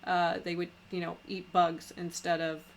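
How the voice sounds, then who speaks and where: A woman hosting a podcast in casual conversation, talking haltingly with many pauses and restarts. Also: fairly low pitch, level tone, slight background noise. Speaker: podcast host.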